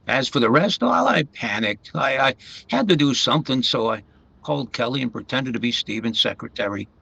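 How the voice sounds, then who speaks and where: Man acting a gravelly, stammering remorseful killer. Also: medium pitch, lively intonation, sharp tone, no room sound, dull audio, heavily acted. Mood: remorseful, panicked. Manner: halting, stammering, apologetic. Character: remorseful cornered murderer, meek businessman confessing. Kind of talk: radio detective drama acting.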